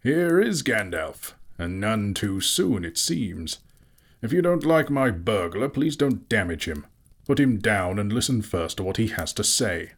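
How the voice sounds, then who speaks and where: A man voicing an old wizard in a dramatic storybook reading, commanding and wry, with drawn-out, authoritative phrases. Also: lowish voice, sing-song, slightly rough, voice pushed up, full character voice.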